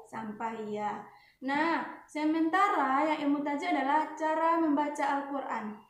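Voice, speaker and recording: A woman teacher giving an online lesson to children. She talks in a motherly way, with many fillers and self-corrections, and chants Quran verses slowly. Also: high voice, echoey room. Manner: motherly, addresses the children as "Nak".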